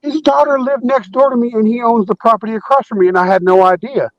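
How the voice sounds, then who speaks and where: A man's voice: very high voice, steady tone, fast talker, dry recording. A man who works as a plumber, chatting as a guest in a casual, profane, easy-laughing way and often repeating himself. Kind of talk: casual chat. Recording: dull dry lo-fi call audio.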